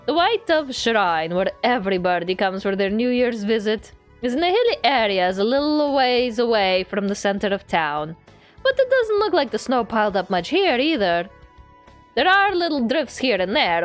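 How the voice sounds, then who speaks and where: A woman's voice: a little high, big pitch swings, normal speed, faint music behind. A woman voicing a cheerful, friendly young student heroine in a visual novel. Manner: bubbly, teasing, polite. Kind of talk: visual novel character reading.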